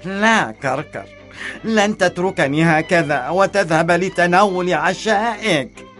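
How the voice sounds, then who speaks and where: A squeaky, whining fox from a children's storybook, pitched well above a normal man's voice. He sounds fretful and self-pitying, with soft music faintly behind him. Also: animated, unhurried. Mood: protesting. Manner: whiny, pleading, high-pitched squeal. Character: anxious, self-pitying young male fox.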